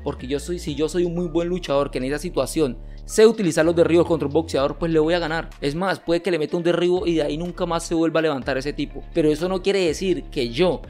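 A young olympic wrestler in his twenties hosts his own channel from a home streaming room with a gaming chair, reacting to viewer comments. He argues emphatically and gestures a lot, talking fast with few pauses in a darkish tone, while faint music plays behind. He's using a studio mic on a boom arm along with a headset.

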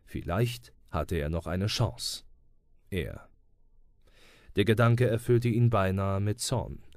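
A man narrating an adventure audiobook with steady, dramatic storytelling. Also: fairly low pitch, takes it slowly, no room sound, clean studio sound. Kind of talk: audiobook reading.

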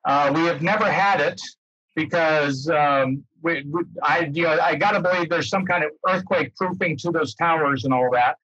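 The guest speaker here is an older American man who used to work in air traffic control, explaining informally on a video call and rephrasing as he goes. His voice is a little high and sharp, moderately paced, with a breathy edge. Books line the room he's in, and the computer mic audio is lo-fi, dull and roomy.

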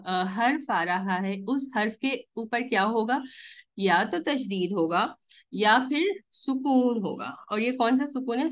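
Woman, slow deliberate delivery, online class teacher, patient stepwise explanations, video call mic. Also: on the high side. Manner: patient, explains step by step with frequent "theek hai" checks; stretches recited vowels to counted lengths. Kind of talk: live online class instruction.

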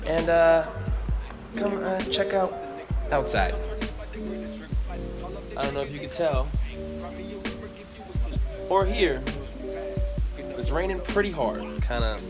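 A man's voice: on the high side, lively intonation, slow, long pauses. A man in his twenties talking casually to camera as a travel vlogger. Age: 20s. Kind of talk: casual vlog chat to camera. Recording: loud music over the voice. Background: loud music.

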